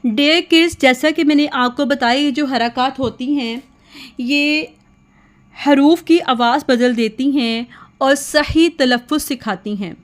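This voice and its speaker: A woman teaching a children's lesson at a whiteboard, patiently repeating sounds in slow sing-song chants. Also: sits high.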